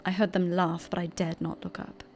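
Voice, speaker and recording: A woman's voice: on the low side, level tone, normal speed, darkish tone, faint music behind, close to an everyday voice. Woman voicing a grave, bitter teenage boy. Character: protective, bitter teenage boy, pleading and weary. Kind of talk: reading video game dialogue.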